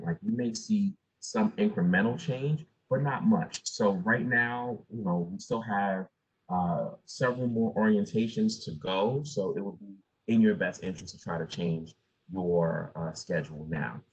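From a home office, a dean in his forties fields student questions on a video call, his husky, lowish voice running a little slow. His advice comes with frequent fillers and restarts, and the earbud mic makes the sound dull and muffled.

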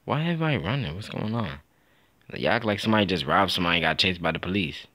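A young man giving casual, excitable gameplay commentary, trash-talking and laughing as he plays. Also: deep voice, racing. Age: young adult. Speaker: gaming YouTuber.

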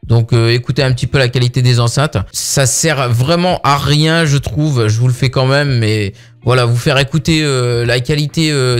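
A man casually reviewing a budget phone, talking in a chatty way full of fillers. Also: mid-range voice. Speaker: tech reviewer.

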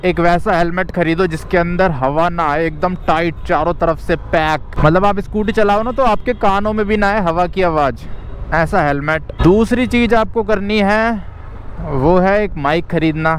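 A chatty young man gives motovlog commentary while riding a scooter outdoors, his voice sitting a little high. He is recorded on a helmet mic. Faint traffic and wind noise run underneath. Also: normal speed. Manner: chatty, explaining tips to viewers. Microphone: helmet mic recording from a ride.

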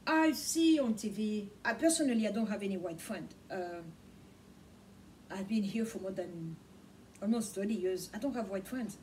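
Speaking at normal speed in an animated, mid-range voice with a darkish tone, a middle-aged woman whose first language is Swahili preaches to camera in her small home study. She gestures a lot and impassionedly repeats words for emphasis. The camera mic sits across the room, so the sound is distant with faint room noise.

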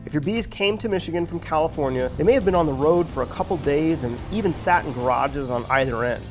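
A man's voice: a little high, a little mellow. Plainspoken Midwestern man explaining beekeeping steps. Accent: Midwestern American. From United States. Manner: clear step-by-step explaining, practical and plain. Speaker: beekeeping instructor. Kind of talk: scripted instructional narration.

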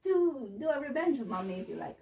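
A woman's voice: high-pitched, very animated, fairly quick, vocal fry, a little mellow, far from the mic. A woman, a mother and vlogger, chatting casually and teasingly at home, apologetic and often giggling. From Philippines. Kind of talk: casual family chat. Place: her son's bedroom at home.

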